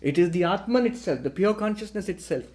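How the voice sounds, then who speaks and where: A middle-aged man telling a spiritual story in a talk, acting out the dialogue with lively rises in his voice. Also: a little fast. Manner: lively storyteller, acts out dialogue with rising pitch. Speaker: monk giving a talk.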